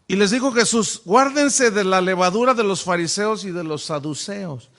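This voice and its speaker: A man's voice: high-pitched, normal speed, a bit bright. A pastor giving a sermon-style Bible lesson, often asking his listeners rhetorical questions. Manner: asks the audience frequent rhetorical questions. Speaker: pastor teaching Bible study. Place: church classroom with a whiteboard.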